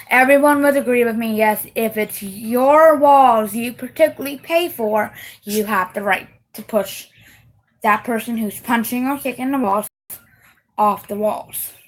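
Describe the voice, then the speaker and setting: Ranting young-sounding woman, fairly high voice. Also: low-quality recording. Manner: heated, repetitive, swearing. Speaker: vlogger. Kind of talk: casual direct-to-camera rant.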